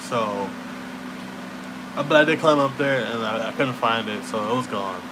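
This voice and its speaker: Clearly noisy room hum fills this casual late-night ramble from a young man with a mid-range voice and moderate pace. Laid-back and stoner-like, he uses slangy, profane language, letting his thoughts drift off before looping back around.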